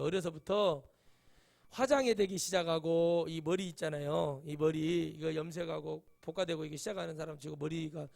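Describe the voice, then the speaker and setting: A man's voice: on the high side, vocal fry, darkish tone. A middle-aged male pastor giving a sermon, telling chatty stories and rising to emphatic exclamations. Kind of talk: sermon with anecdotes.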